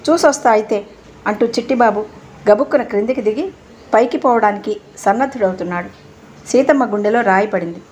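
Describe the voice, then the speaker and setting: A woman narrating a novel aloud in a steady storytelling reading. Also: medium pitch, brisk, slight background noise. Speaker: audiobook narrator.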